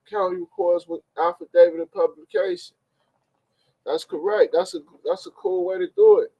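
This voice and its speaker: A high-voiced man with a gravelly edge, talking to his livestream audience in casual street slang. His pitch swings widely as he hammers points home with rhetorical questions. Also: a little mellow, poor audio. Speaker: livestream host. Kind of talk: informal legal talk to a live audience.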